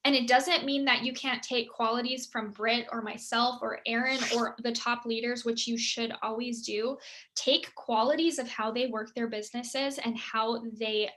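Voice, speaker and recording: A bubbly young woman chats through a motivational talk for her team, laughing often. Her voice is high and bright, with a quick, forward sparkle. She keeps things light and friendly. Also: fairly even intonation. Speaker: team leader.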